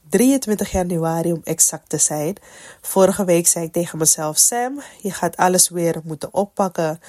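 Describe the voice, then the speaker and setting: A woman with a cold hosts a solo podcast, her nose congested and stuffy as she casually tells reflective stories about her personal faith. Her voice is fairly low and mellow, recorded dry.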